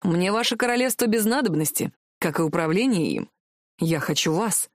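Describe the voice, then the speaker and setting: Brief: woman reader as a young prince, unruffled and teasing, set a bit lower, dry sound. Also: moderate pace, no room sound. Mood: calm. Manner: calm, self-assured, mocking. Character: teasing, stubborn young male prince in love. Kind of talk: audiobook character voice.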